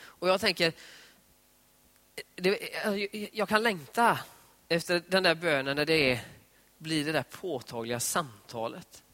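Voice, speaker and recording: Man, preacher, informal devotional talk, chatty storytelling, bright tone, long hall reverb. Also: on the high side, long pauses. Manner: conversational, retells scripture scenes in lively voiced dialogue.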